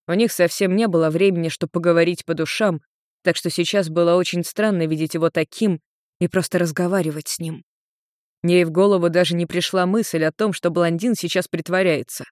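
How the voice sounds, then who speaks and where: An audiobook narrator reading a fantasy story in an even, measured way. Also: medium pitch, no echo, studio quality. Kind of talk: scripted narration.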